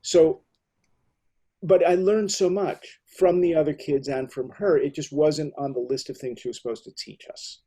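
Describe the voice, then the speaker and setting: A man's voice: a little high, steady tone, normal speed, warm tone, slightly rough. A middle-aged American man hosting an interview, telling rambling, enthusiastic stories. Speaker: host. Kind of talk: casual interview talk.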